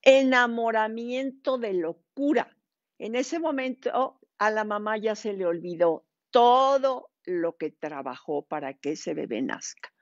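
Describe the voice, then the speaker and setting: Slow, emphatic woman psychologist. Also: mid-range voice, lively intonation, dry recording. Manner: slow, emphatic, addresses listeners directly. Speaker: psychologist and host. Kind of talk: live-streamed talk to viewers. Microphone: earphone headset. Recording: dull lo-fi stream audio.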